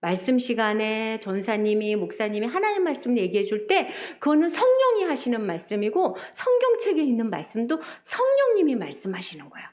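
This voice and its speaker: Children's minister, woman, young adult; high, animated sing-song delivery that acts out voices. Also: brisk, few pauses.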